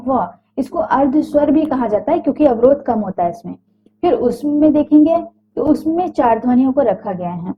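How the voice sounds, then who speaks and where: A woman teaching a grammar lesson in a fairly high voice, sounding out each letter slowly and patiently and catching her own slips along the way. The sound is thin and tinny, as if it came through a phone line. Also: slight background noise. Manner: small self-corrections and apologies. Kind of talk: recorded Hindi grammar lecture.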